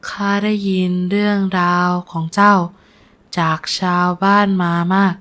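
A frail young nobleman with a soft, slightly lowered voice, speaking slowly and sincerely, as a woman puts him on. His manner is gentle and kind. This is a storybook folk tale. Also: flat delivery, clean tone, close to an everyday voice.

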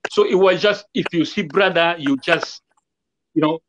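A man's voice: on the high side, moderate pace, dull audio. A man guest speaking earnestly over a video call, repeating points and acting out quoted greetings. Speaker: guest musician. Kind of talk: casual interview talk over video call. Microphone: video call webcam.

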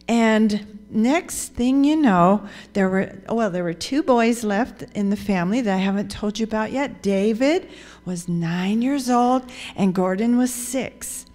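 A woman telling a children's story in church, slow and expressive, acting out the voices of the people in it. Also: mid-range voice. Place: church sanctuary.

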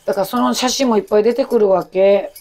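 A woman in her forties with a Kansai accent and a loud, rough-throated voice, chatting in a rambling, self-deprecating way while she cooks. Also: mid-range voice, fast. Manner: chatty, self-deprecating, jumps between topics. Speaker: cooking vlogger. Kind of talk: casual chat while cooking.

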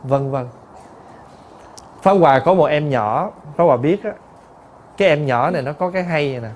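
A male Buddhist monk, giving a lively, chatty dharma talk told through stories. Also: a little high, moderate pace, slight background noise.

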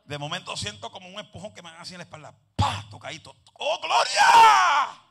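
A man preaching a lively Pentecostal sermon, telling stories and mixing in English phrases, dropping to soft asides and rising to shouts. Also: high-pitched, racing, slightly rough. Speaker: evangelist preacher.

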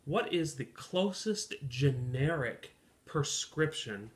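A man in his thirties co-hosting a home travel vlog, explaining tips slowly and deliberately, with playful asides. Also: mid-range voice, lively intonation. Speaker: vlog co-host. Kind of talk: casual chat. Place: living room at home.

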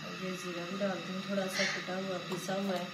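Sitting on a floor mat in a small room at home, a Pakistani village vlogger with an Urdu accent chats casually through her home cooking step by step, saying "jo hai na" often. Her voice is lowish and brisk with little pitch movement, and the echoey recording has clear background noise.

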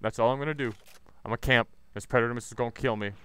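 A man's voice: medium pitch, fairly even intonation, racing, a bit bright, slight background noise. A man giving live gameplay commentary, ranting and swearing with irritation as he plays. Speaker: gaming channel host.

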